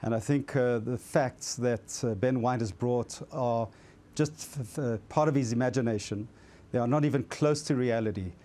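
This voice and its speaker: Forceful South African-born man, mellow tone. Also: mid-range voice, normal speed. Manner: forceful, categorical, stumbling at times. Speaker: debate guest, advocacy group founder. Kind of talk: studio debate.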